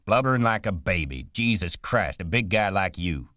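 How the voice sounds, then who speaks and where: A man with a deep voice voicing an irritable, hot-tempered migrant worker who scolds in quick, exasperated bursts. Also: dry recording, clean studio sound, lightly acted. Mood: scornful.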